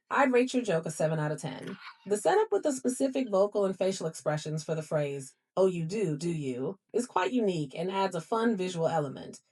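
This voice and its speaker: Acting as a smart home assistant, a woman gives replies that are polite, accommodating, and formally phrased. Her voice is fairly low, darkish in tone, and slightly rough.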